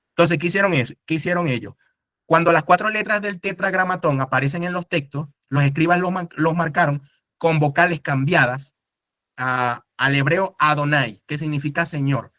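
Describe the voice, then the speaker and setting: Higher-pitched man teaching a class. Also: a bit bright, dry recording, studio quality. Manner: explanatory, asks the class rhetorical questions. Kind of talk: casual classroom lecture.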